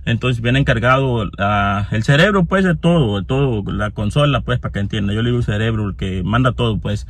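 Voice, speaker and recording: A man with a Mexican Spanish accent vlogging casually on his phone, telling a story in an animated way and acting out both sides of an argument. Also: mid-range voice, brisk. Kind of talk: casual vlog chat.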